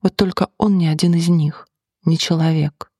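Give me a husky audiobook narrator with a measured, dry delivery. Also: mid-range voice, fairly even intonation, darkish tone, no echo.

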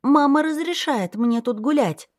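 A headstrong little princess girl, voiced by a woman narrator in a storybook reading. Her voice sits high and childlike, insistent and a bit whiny. The sound is dry and close. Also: animated, a little slow, no echo. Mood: stubborn. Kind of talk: audiobook character voice.

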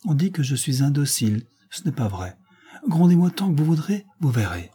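A man reading aloud voices a fragile young woman in love, pitching his voice up and pleading. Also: big pitch swings, normal speed, warm tone, breathy edge. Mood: teasing. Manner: pleading, voice raised above his own.

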